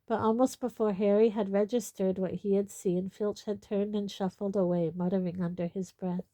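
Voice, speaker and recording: A woman reading a novel aloud in steady audiobook narration. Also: medium pitch, moderate pace, no echo. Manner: steady storytelling. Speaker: audiobook reader.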